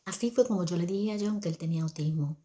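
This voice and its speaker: A woman's voice: fairly low pitch, quick pace, warm tone. An older woman telling viewers a family story about raising her son, in a conversational manner that often checks in with listeners.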